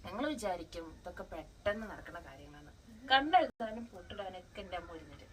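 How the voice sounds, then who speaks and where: A woman's voice: fairly low pitch, expressive, quick pace, low-quality recording. A woman filming a casual home vlog, coaxing and playfully scolding her pet while she dresses it indoors. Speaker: pet vlogger.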